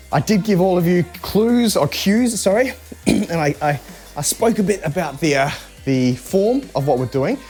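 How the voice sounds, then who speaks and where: A man with a slightly high voice leads a live workout class. He talks casually as a fitness coach, cueing each move step by step. Faint music plays behind him. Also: darkish tone. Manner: conversational coaching, cueing exercise moves step by step.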